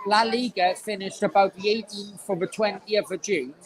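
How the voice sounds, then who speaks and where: High-pitched guy ranting, won't back down, lots of swearing, noisy crowd behind. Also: normal speed. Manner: insistent, sweary, talks over others. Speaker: podcast guest. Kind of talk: heated casual chat.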